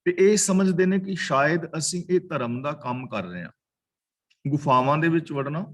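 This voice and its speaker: A man teaching a scripture class, slowly chanting verses and then explaining them word by word and correcting their pronunciation. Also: medium pitch, gravelly. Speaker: katha teacher. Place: online class over video call.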